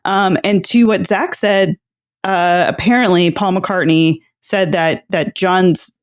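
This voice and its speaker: A woman co-hosting a casual chat podcast, relaxed and explaining facts. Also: on the low side, slow pace, no echo, clean studio sound. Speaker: podcast co-host.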